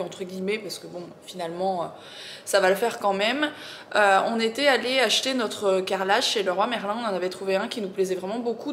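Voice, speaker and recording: A woman chatting casually to viewers as a vlogger, with a slight lisp on her s sounds and an informal, digressive way of telling things. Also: mid-range voice. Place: indoors at home. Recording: roomy echo, faint background noise.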